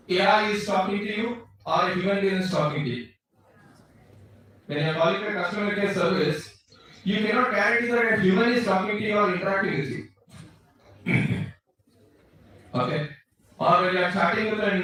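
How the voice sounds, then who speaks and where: A man's voice: high-pitched, fairly bright tone. A man with a South Indian accent giving an instructive slide lecture, often checking that listeners follow. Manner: instructive, checks understanding with short tags. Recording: very echoey room, distant microphone.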